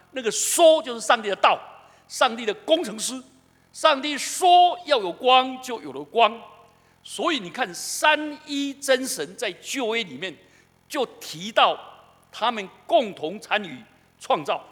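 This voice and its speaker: A man's voice: very high voice, a little slow. A middle-aged man with a Taiwanese Mandarin accent, preaching a sermon and asking his congregation questions. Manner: animated, asks the congregation questions. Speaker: pastor. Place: church sanctuary. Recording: echoey church hall.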